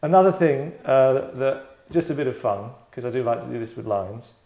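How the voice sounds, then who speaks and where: Hosting and directing a table read, a man gives a tongue-in-cheek acting critique, chatting casually in a deadpan, rambling, self-satisfied manner. His voice is medium-pitched at normal speed, in a roomy, echoey indoor space.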